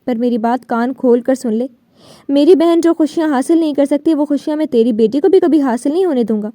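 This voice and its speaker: A woman's voice: sits high, warm tone, no echo, clean studio sound, close to an everyday voice. A woman reading the part of a vengeful young man in an audiobook novel, with a menacing, sneering delivery.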